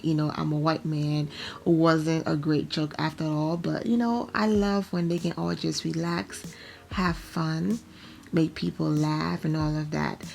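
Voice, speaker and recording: A woman's voice: low-pitched, vocal fry, darkish tone, a little hiss or hum. A young woman from Liberia, hosting a casual, opinionated recap vlog and laughing often. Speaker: vlog host reviewing a reality show.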